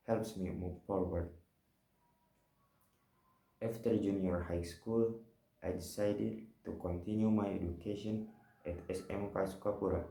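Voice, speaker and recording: A young man with an Indonesian accent, a first-semester student, reading a personal monologue for a class assignment in slow, careful, measured phrases. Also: sits low, creaky, dark tone. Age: young adult. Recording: roomy echo.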